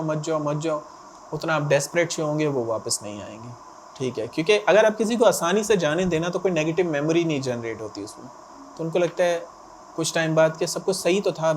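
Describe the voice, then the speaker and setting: A man at an ordinary mid pitch talks his viewers through relationship advice, leaning hard on each point and checking in with quick asides. A faint noise sits under the voice. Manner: emphatic, repeats "theek hai" as a check-in. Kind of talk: direct-to-camera advice talk.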